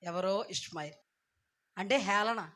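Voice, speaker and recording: A woman preaching a sermon, who swings from quiet talk to loud, impassioned pleading as she acts out the scripture. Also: medium pitch, a little slow. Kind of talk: Telugu sermon retelling scripture with acted voices.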